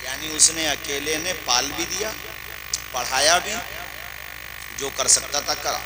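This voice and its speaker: A man giving a sermon to a live gathering, rising into loud impassioned calls and prompting the audience to answer back. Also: fairly high pitch, heavy background noise. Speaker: preacher.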